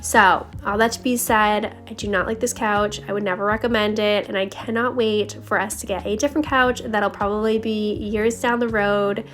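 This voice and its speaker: A woman voices a casual home vlog narration, confiding and chatting directly with viewers as background music plays. Her medium-pitched voice is steady, a bit bright and moderately paced, with hardly any pauses. It's slightly scratchy, as if she needs to clear her throat.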